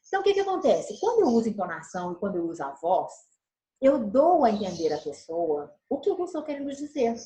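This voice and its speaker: A woman's voice: mid-range voice, quick pace, roomy sound, rough recording. A woman teacher, giving a recorded video lesson and gesturing as she explains. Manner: animated, gestures while explaining; acts out tones of voice as examples. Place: room, recording alone.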